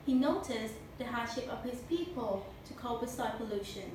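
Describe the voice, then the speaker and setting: A woman's voice: on the high side, animated, normal speed. Echoey, stiffly recited young Thai-accented woman. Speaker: speech contestant. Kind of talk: memorized competition speech. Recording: very echoey room, distant mic, noisy.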